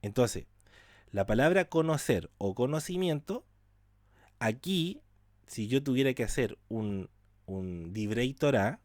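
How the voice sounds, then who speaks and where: A man's voice: medium pitch, animated, takes it slowly, a little mellow, no echo, clean studio sound. A man teaching a scripture class, asking his listeners rhetorical questions and acting out quoted speech with drama. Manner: asks rhetorical questions and addresses the class directly. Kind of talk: lecture on scripture.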